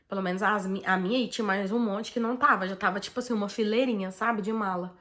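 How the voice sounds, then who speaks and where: A woman's voice: medium pitch, quick pace. A Brazilian woman vlogger with a Brazilian Portuguese accent, chatting casually and animatedly as she tells her viewers a personal story. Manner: chatty, animated, peppered with "tipo assim" and "né".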